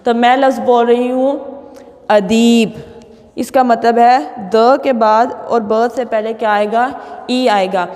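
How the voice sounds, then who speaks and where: A woman teacher with a Pakistani Urdu accent works through a spelling lesson at a slow, unhurried pace. She pronounces each word deliberately and repeats it for her pupils. Her voice sits somewhat high, and a long reverb trails behind it as if the room is echoey. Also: fairly even intonation, darkish tone.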